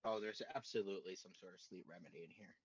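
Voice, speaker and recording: Man, game master, quick casual talk, dull lo-fi mic, dry sound. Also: deep voice, husky, dry recording. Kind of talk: running a tabletop game.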